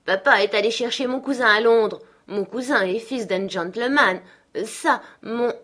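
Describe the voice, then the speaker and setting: A woman reader voicing a spoiled, haughty young girl who is quick to tears, speaking imperiously. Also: mid-range voice, pitched above the performer's own voice, lightly acted. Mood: indignant. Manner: imperious, indignant. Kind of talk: audiobook character voice.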